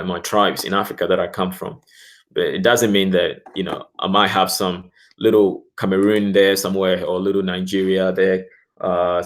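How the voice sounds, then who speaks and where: Deep-voiced man explaining, tagging "okay". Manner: peppers sentences with "okay" and "you know"; partly reads passages aloud, stumbling over words. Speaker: YouTube channel host. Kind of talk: casual explanatory monologue.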